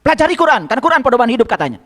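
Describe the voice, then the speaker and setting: A man's voice: very high voice, very animated, rapid-fire, bright, forceful tone. A man giving a sermon as a religious teacher, talking conversationally, repeating phrases for emphasis and asking the congregation rhetorical questions.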